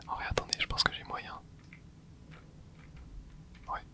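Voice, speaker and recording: Slow and whispered, this ASMR gaming commentary drifts along as the host plays, with quiet muttered reactions picked up by a close microphone.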